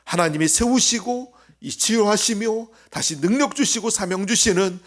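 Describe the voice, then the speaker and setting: A man, a pastor, preaching a sermon in church, earnest, rising to loud appeals and dropping to near whispers. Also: high voice, animated, moderate pace. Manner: earnest preaching, swells loud then drops to a hush. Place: church sanctuary.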